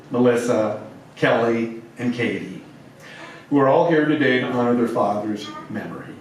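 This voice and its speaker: A man formally reading a prepared eulogy as officiant of a memorial service, in measured, solemn phrases. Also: medium pitch. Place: large echoey room at a gathering. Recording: echoey hall, distant mic, faint noise.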